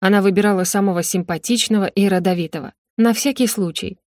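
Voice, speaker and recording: Brief: female audiobook narrator, measured even delivery, dry close recording, mid pitch. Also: no echo. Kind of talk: scripted narration.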